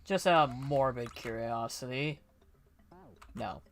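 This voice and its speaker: A streamer talks to themself while playing a game, slow and unhurried, trailing off in mutters and hesitant restarts. The pitch sits in an ordinary middle range. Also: creaky, slight background noise. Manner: mutters, hesitant, self-talk.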